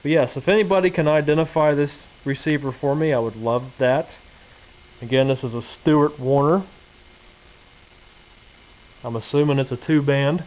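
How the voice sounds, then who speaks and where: Pausing often at a moderate pace, this slightly high-voiced man folksily thinks out loud while showing off his hobby hands-on. The setting is a garage or home workshop indoors, recorded on a handheld camera mic. Expect hiss and a dull, lo-fi camcorder sound.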